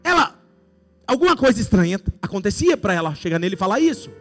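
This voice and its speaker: High-voiced Brazilian preacher telling playful stories. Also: male voice, big pitch swings, fast talker, faint music behind. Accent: Brazilian Portuguese. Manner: playful storytelling, acting out scenes. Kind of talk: sermon.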